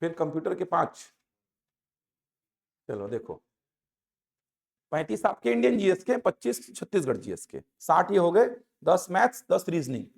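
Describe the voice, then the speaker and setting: A man's voice: high voice, sing-song, unhurried, creaky, long pauses, a little mellow. A man lecturing a coaching class on an exam syllabus, explaining topics and checking that students follow.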